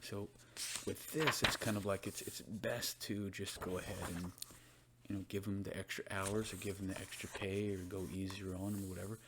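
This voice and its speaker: A man doing a soft-spoken, ASMR role-play as a librarian, chatting about books in a rambling, informal ASMR style. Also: low voice, level tone, moderate pace, heavy background noise. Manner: rambling, informal, conversational book commentary. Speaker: ASMR performer playing a librarian.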